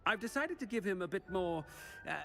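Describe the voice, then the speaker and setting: A man's voice: high voice, lively intonation, a little fast, vocal fry, fairly bright tone, faint music behind, heavily acted. A man playing a pompous, easily flustered headmaster in a video game, a petty tyrant with an imperious, dismissive way of talking. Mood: flustered bluster. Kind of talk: theatrical video game acting.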